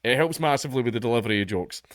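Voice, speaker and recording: A Scottish man delivers rapid-fire, sweary, sarcastic commentary on an article, poking fun at whoever he quotes in a casual tone. When reading excerpts, his voice drops lower and quieter. The online commentator's recording is dry with clean studio sound.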